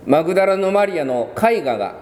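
Male pastor preaching slowly, with a warm, animated delivery, in a reverberant church. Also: sits high. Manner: measured, with many pauses and fillers. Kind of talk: sermon. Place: church sanctuary.

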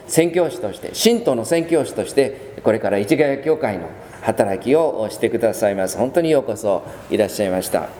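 A man serving as pastor, giving a measured sermon with many pauses and fillers in a church. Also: mid-range voice, warm tone. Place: church sanctuary. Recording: long church reverb.

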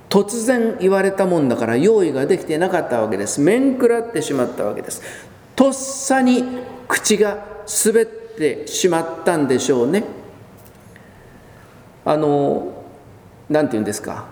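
A man preaching a sermon as pastor, telling the story with lively emphasis, drawing out key words and acting out quoted lines. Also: fairly high pitch, normal speed. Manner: animated storytelling, acts out quoted speech. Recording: echoey hall with long reverb.

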